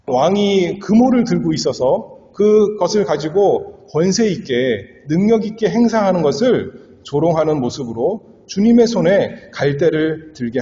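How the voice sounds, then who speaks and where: Male pastor preaching, big swings in pitch, long hall echo, dull lo-fi recording. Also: dark tone. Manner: earnest, dramatic swells and drops. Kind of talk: expository sermon. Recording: echoey hall, dull lo-fi sound.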